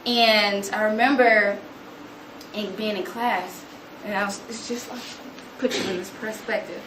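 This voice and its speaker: A young woman gives an animated storytelling talk to an audience, acting out quotes in a higher voice. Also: measured pace. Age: young adult. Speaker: student speaker. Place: room with an audience. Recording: echoey room, noticeable background noise.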